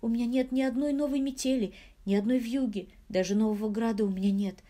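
A woman's voice: fairly high pitch, steady tone, fast, warm tone, natural voice. A woman reading a storybook, voicing a tiny, anxious male snow spirit who whimpers and sobs. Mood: despairing. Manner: sobbing, plaintive.

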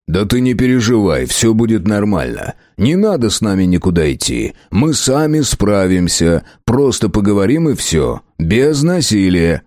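Man doing a rough bully fighter, slow and blunt, lively pitch. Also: dry recording, clean studio sound. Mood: reassuring. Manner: threatening, blunt. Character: rough male clan fighter, bullying and greedy.

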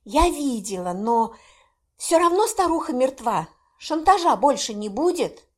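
A woman reading an audiobook, voicing a sharp-tongued young witch heroine who is excitable and quick to protest. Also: high-pitched, voice pushed up, heavily acted. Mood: dismayed. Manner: indignant, excitable, quick to cry out.

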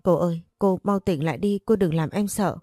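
A woman voicing a devoted young maid in an audio story, speaking anxiously and gently. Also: fairly low pitch, fairly quick, no room sound, studio quality, soft background music, natural voice. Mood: worried. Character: loyal young female maid, worried and devoted.

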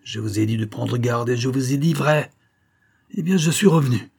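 A man voicing a burly, hoarse peasant who rants with hatred and threatens to kill. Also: lowish voice, moderate pace. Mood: furious. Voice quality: hoarse, harsh. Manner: ranting, menacing, shouting curses. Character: hoarse vengeful rough male peasant, burly, full of hatred.

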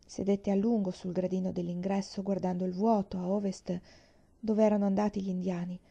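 A woman narrates an audiobook slowly and expressively. Her voice is mellow with a gravelly edge. The recording sounds dull and lo-fi. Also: mid-range voice, little pitch movement. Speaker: reader.

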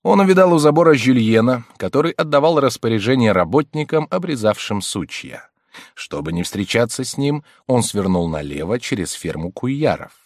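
Male reader for a classic novel, animated delivery, dry booth sound. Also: mid-range voice, dry recording. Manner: measured, expressive storytelling. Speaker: audiobook reader. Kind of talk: scripted literary narration.

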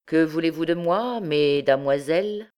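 A woman reading an audiobook, voicing a tall, thin young man who speaks with calm, courteous assurance. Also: sits low, a little slow, smooth.

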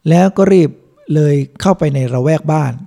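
A monk reads a book aloud as an audiobook, narrating calmly and at a measured pace. His voice is gravelly, mellow, and slightly high.

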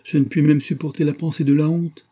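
A man reading an audiobook voices a passionate, desperate young lover in an intense, impassioned way, with a husky voice. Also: fairly high pitch, little pitch movement, brisk, warm tone, pitched above the performer's own voice, close to an everyday voice.

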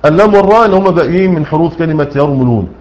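With a fairly high, expressive voice and a darkish tone whose highs are cut off, an Egyptian-accented man instructs on Quran recitation. He explains a poem line by line, questions himself and supplies the answers, repeats important words, and recites at a slow pace.

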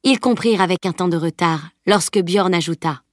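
Woman narrator, audiobook reading, steady storytelling, low voice, dry close sound. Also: brisk, dry recording. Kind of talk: scripted narration.

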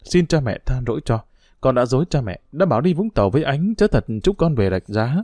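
A man's voice: medium pitch, big pitch swings, brisk, warm tone, no room sound, clean studio sound. A man voicing an earnest, grieving young woman who pleads with her parents in a read-aloud novel.

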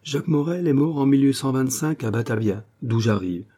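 A man's voice: animated, a little fast, mellow, natural voice. A man voicing a theatrical, worldly aging adventurer who speaks in a grand, stagey manner. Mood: grandiose. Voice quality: booming theatrical delivery.

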